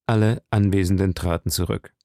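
A male narrator reads a classic adventure tale in a low, gravelly voice. The recording is close and dry, with a dramatic but steady telling. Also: brisk, no room sound. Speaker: audiobook narrator. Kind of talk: scripted narration.

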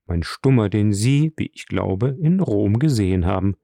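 In a dry, gravelly low voice, a narrator gives a wealthy, worldly count who speaks with calm reserve. The delivery stays measured and aloof, audiobook style, with a dark, mellow tone. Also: male voice, dry recording. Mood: composed. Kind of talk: audiobook reading.

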